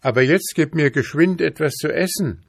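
A man's voice: a little high, normal speed, vocal fry, slightly rough, no echo, clean studio sound, voice pushed up. Bold storybook boy, raised voice, cheeky, voiced by a man. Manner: cheeky, defiant.

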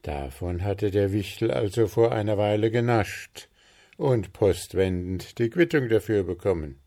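A man reading a children's storybook aloud as narrator, calm and measured. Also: lowish voice.

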